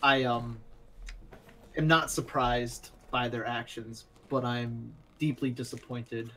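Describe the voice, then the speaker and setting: A man's voice: mid-range voice, fairly even intonation, takes it slowly, sharp tone, slight background noise, rough recording. A man playing a tabletop game, describing his character's actions and speaking casually in character. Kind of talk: casual in-character role-play.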